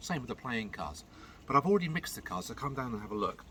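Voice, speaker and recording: A man's voice: medium pitch, very animated, fast talker, bright, forceful tone, slight background noise. A middle-aged man giving casual, chatty patter as a card magician, explaining as he handles the cards.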